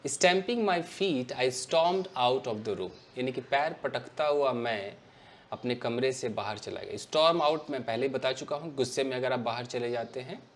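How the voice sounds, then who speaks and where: A man's voice: mid-range voice, slight background noise. A young man teaching English collocations in a bilingual grammar lesson. He explains each phrase and reads out example sentences.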